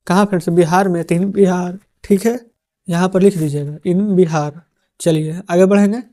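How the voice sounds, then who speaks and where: High-pitched yet dark in tone, this male teacher works through a translation lesson, dictating each answer word by word. He regularly checks in with the viewers, calling them his friends.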